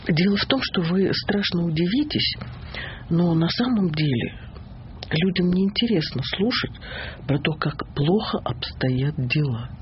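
A woman from the Kemerovo region talks as an interview guest, unhurried and sure of herself as she tells her story. The audio sounds a little dull, with a faint hiss running underneath. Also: low voice. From Kemerovo region, Russia.

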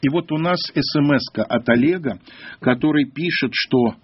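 A man narrating a detailed historical account for a radio program in a measured way, reading old documents aloud with his own asides. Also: fairly high pitch, husky, dry recording, highs cut off.

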